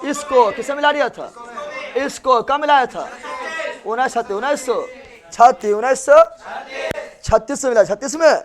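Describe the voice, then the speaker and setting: Very high-voiced teacher. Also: male voice. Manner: drills students with repeated questions and answers. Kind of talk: classroom lecture.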